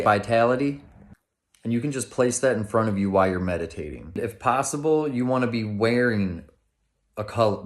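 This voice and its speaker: A man giving casual, instructional talk as a meditation teacher, speaking in an informal, plain-spoken way. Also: lowish voice.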